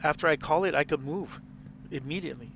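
A man's voice: fairly high pitch, quick pace, fairly bright tone, muffled recording, slight background noise. A man hosting a gameplay video, explaining casually and rambling as he plays. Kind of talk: casual game commentary.

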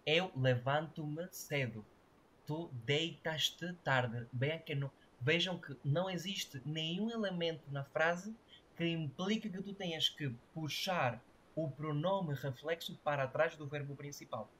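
Guy teaching a grammar lesson online, fairly high voice, keeps asking if you get it. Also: slow pace, a bit bright, a little hiss or hum. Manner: explanatory, checks understanding often. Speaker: Portuguese teacher.

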